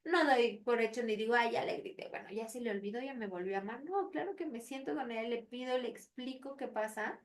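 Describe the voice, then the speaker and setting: A woman's voice: a little high, fairly quick, few pauses, recorded from a distance. Chatty Mexican woman, slightly off-mic. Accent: Mexican Spanish. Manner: chatty, animated storytelling with acted quotes. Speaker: podcast co-host, psychologist. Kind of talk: casual podcast chat.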